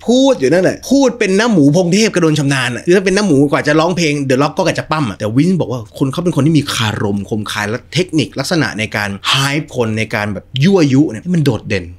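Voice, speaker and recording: A male host chatting casually and telling a story, with lots of excited exclamations. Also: fairly high pitch, fast talker, hardly any pauses. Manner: animated, full of exclamations.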